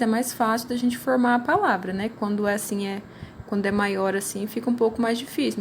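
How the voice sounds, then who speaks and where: The speaker is a female primary school teacher with a Brazilian Portuguese accent and a voice on the high side, recorded with a little hiss or hum. She explains worksheets patiently during a recorded class and often finishes with "né?".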